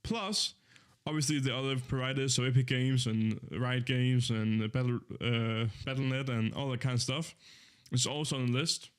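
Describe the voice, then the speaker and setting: This twenty-something streamer rambles comfortably to viewers in a relaxed live chat, using many fillers and correcting himself often. His medium-pitched voice is clean and fairly even, at normal speed with hardly any pauses.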